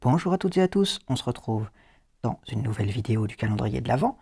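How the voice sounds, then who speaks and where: Male host, mid-pitched, relaxed tutorial delivery with fillers and dry asides. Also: fast, vocal fry, breathy edge. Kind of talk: casual screen-reader tutorial.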